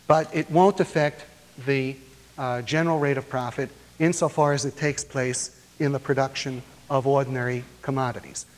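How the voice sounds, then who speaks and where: A man giving an academic lecture to a class, explaining step by step in a measured, deliberate way with frequent hesitant pauses. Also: mid-range voice, steady tone. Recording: long reverb of a lecture hall.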